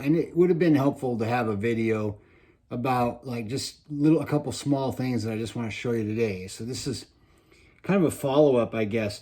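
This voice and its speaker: A man gives a casual trapping-tutorial style talk in a mellow, relaxed voice of ordinary male pitch. His words are slightly slurred, as with a mouthguard in, and his S sounds whistle a little. He speaks haltingly, pausing now and then to swallow. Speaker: trapping video presenter. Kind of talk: casual instructional vlog.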